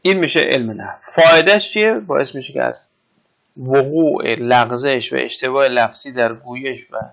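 Man, gravelly voice, grammar teacher, informal classroom lecture, keeps checking listeners follow. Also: mid-range voice, fairly bright tone. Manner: explains with everyday examples, often checks "right?".

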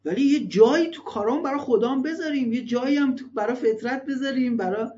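A man's voice: very high-pitched, dark tone. A man giving religious advice to parents in an earnest, emphatic way, with many rhetorical questions. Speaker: religious family counselor. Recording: dull lo-fi recording.

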